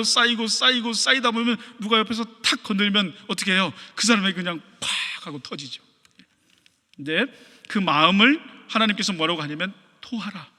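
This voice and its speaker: A male pastor preaches in a high, very bright, sharp voice and keeps putting questions to his listeners. His words ring out through the long reverb of a church sanctuary. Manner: asks the congregation rhetorical questions. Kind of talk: sermon.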